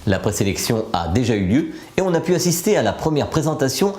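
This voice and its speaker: A man reading the scripted voice-over of a motoring magazine show, in a lively announcer delivery. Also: mid-range voice, quick pace, echoey room.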